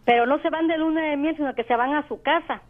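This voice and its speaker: A woman calls into a radio show and cheerfully tells a joke. Her voice is high, and it comes through a dull, lo-fi line. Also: quick pace, soft background music. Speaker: caller telling a joke. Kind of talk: joke told over the phone.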